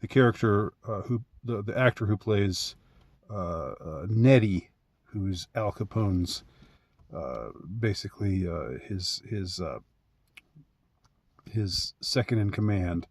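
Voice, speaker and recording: A man with a somewhat low voice muses his way through a casual monologue. He hesitates, restarts and chuckles often. The recording is dry and close. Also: expressive, slow pace, a little mellow, dry recording. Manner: rambling, hesitant, frequent fillers and restarts. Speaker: commentator.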